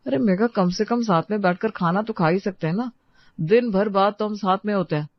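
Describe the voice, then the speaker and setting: A voice actor playing a caring, patient young husband in a cartoon story, speaking gently and coaxingly. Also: medium pitch, fairly quick, no echo, natural voice. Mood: gentle. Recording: dry, slightly dull lo-fi sound.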